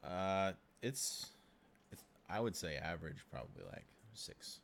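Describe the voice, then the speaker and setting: Very deep-voiced young man from Maine. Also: wildly swooping pitch, vocal fry, slight background noise. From Maine, USA. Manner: halting, laid-back, explains plainly. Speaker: podcast guest. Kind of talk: casual interview chat.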